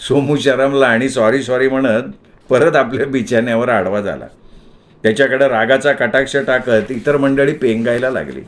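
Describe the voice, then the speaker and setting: A man narrating a story aloud in an expressive, dramatic storytelling manner. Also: medium pitch.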